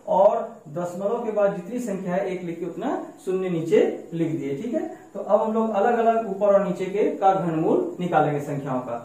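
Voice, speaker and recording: A male math teacher, explaining a classroom lesson slowly and step by step to children. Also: sits high, dark tone. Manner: slow, repetitive explaining, addresses children directly. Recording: very echoey room, mic far off.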